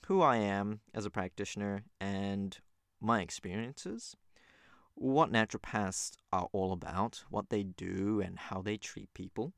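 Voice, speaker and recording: A man's voice: lowish voice, vocal fry, no echo, clean studio sound. A man born in Japan and raised abroad, hosting a solo podcast in an earnest, loose way with frequent fillers. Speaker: podcast host.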